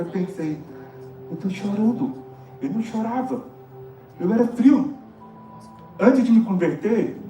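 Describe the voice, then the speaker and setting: High, dark-toned Brazilian pastor preaching in an echoey church. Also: male voice. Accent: Brazilian Portuguese. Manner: emphatic, prompts the congregation with questions. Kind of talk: testimony sermon. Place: church service hall. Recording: echoey hall, distant dull mic, music behind.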